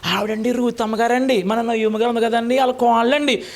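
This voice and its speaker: A man's voice: very high-pitched, steady tone, fast. A man doing a humble, deferential farm servant. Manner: deferential, polite "andi" endings.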